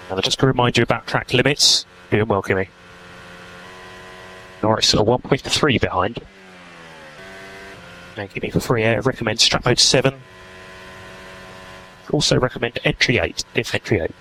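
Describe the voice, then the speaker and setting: A man with a mid-range, sharp-toned voice works as a race engineer. He gives clipped, procedural instructions over a noisy team radio feed, with the sound of a radio transmission.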